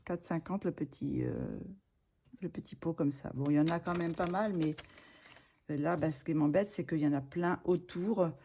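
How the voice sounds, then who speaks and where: Low, mellow-voiced woman chatting casually. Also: normal speed, gravelly, slightly rough. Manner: hesitant, many fillers and restarts. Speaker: art supplies vlogger. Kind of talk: casual haul video.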